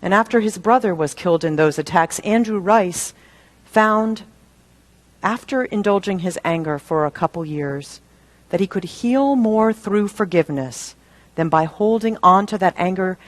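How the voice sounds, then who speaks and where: Delivering a sermon at a medium pitch, this female minister keeps a deliberate, measured pace, driving her points home through repetition and questions posed rhetorically.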